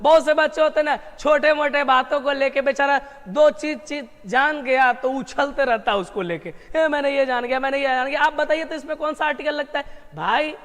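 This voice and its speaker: A man teaching English grammar online. He drills his students with repeated questions, slows down to stress key terms and breaks into emphatic bursts. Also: very high voice, big-room sound. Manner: lively with sudden emphatic outbursts.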